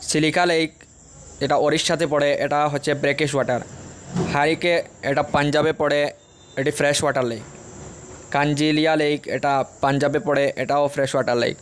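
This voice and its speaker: A man teaching an exam-prep lesson, reading through a list of facts in a plain, steady, item-by-item way. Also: on the high side, moderate pace, slight background noise. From Assam, India.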